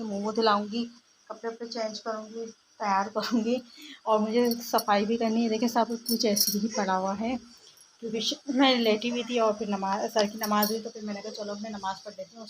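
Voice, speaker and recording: Young woman, home vlogger, flat and soft chatty delivery, noisy phone recording. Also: mid-range voice. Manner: chatty, rambling with many fillers; speaks softly so as not to wake her child. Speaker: family vlogger. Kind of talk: casual home vlog. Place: home, indoors.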